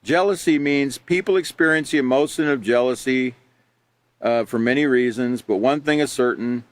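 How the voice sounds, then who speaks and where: A man's voice: medium pitch, moderate pace, no echo. Patient man teaching a class, dry sound. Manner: patient, repetitive, asks rhetorical questions and answers them. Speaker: character education teacher. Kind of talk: live online class, reading examples and explaining.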